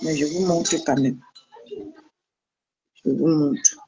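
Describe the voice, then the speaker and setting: A woman's voice: low voice, steady tone, slow pace, mellow, breathy edge. A woman vlogger, chatting casually and teasingly to her viewers. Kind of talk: casual live video chat.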